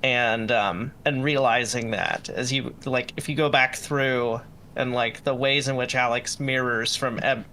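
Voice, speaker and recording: Bright, animated male voice, playful rambler, faint room hum. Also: medium pitch, a little slow. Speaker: voice actor in the cast. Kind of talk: casual chat. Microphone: online voice chat.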